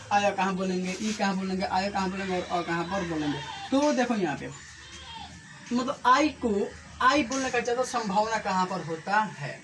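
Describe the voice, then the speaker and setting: A man's voice: sits high, noisy background. A man teaching English pronunciation rules to a coaching class. He explains each rule step by step, calls his students bhaiya and asks and answers his own questions. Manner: explains rules step by step, adds a short motivational rhyme. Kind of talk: classroom lesson.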